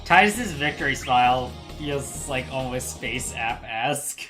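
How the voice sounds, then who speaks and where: A man riffs excitably over gameplay in a mid-pitched voice. His intonation is very lively and jokey. Game music plays clearly behind him. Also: a little slow, poor audio. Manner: excitable, riffing. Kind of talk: joking gameplay commentary.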